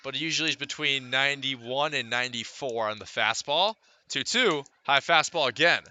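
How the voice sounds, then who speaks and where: This live radio sports broadcast features a man calling baseball play-by-play, alternating terse stat readouts with richer accounts of the action. His voice is medium in pitch, bright and forceful, delivered at a normal pace.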